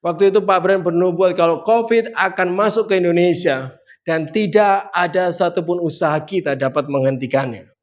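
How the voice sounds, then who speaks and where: Guy preaching a sermon, high voice, keeps asking the crowd stuff, pushes up on the big points. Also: moderate pace, highs cut off. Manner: addresses the congregation directly with questions.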